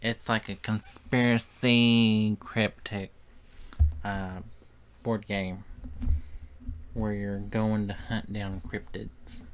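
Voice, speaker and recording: A man's voice: lowish voice, level tone, fairly bright tone, a little hiss or hum. A man, co-hosting a casual podcast and chatting in a rambling way with dry jokes. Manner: slow, rambling, dry joking. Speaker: podcast co-host.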